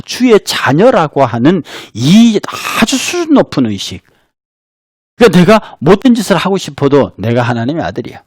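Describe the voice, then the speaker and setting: Animated Korean pastor preaching a sermon. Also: male voice, medium pitch, dry recording, clean studio sound. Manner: animated, acts out quoted dialogue of God and Jonah; conversational, addresses the congregation directly.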